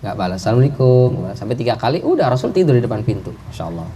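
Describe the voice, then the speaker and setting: A man's voice: mid-range voice, quick pace, a little hiss or hum. A middle-aged man preaching a sermon, telling stories and acting out the voices of the people in them. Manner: lively storytelling, acting out voices of characters. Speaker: Islamic preacher.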